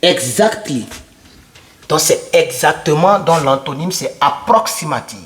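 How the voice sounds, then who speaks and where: A man's voice: on the high side, expressive, unhurried, a bit bright. A young man giving a casual video lesson, repeating words over and over to drill pronunciation and speaking straight to the viewer. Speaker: English teacher.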